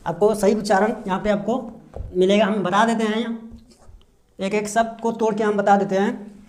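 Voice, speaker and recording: A man teaching English pronunciation, explaining a lesson slowly with frequent hesitations and repetition. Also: high voice, level tone, darkish tone. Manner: hesitant, many drawn-out filler sounds, repeats himself.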